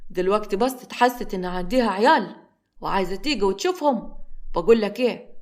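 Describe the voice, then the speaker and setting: A woman's voice: mid-range voice, quick pace, a little mellow, natural voice. A woman voicing a stern, angry grown man in a story reading.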